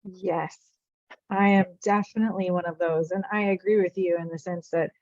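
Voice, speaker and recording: A woman's voice: on the low side, steady tone, moderate pace, darkish tone. A chatty woman sharing her view in a course discussion, casual and loose, with many likes in her speech. Her sound is close and dry, with no room echo. It is a bit muffled. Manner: chatty, says like often.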